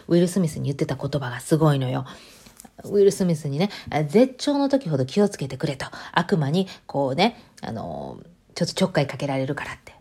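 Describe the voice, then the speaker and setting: A woman's voice: sits low, a little mellow. A woman with a Kansai accent talking casually and chattily to her audience, mixing standard and Kansai speech. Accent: Kansai Japanese. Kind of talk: casual monologue.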